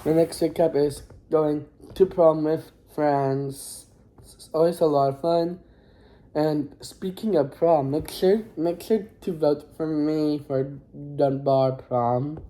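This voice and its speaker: A high school student in their teens recording a casual recap vlog on a phone, talking in a halting, rambling, apologetic way. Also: steady tone, warm tone, rough recording.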